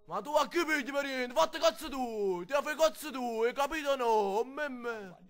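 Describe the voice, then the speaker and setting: A man's voice: very high-pitched, animated, normal speed, a bit bright, pitched above the performer's own voice. A man voicing an indignant, foul-mouthed quarreler in a comic game dub, with a Neapolitan accent. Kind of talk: comic amateur dub in dialect.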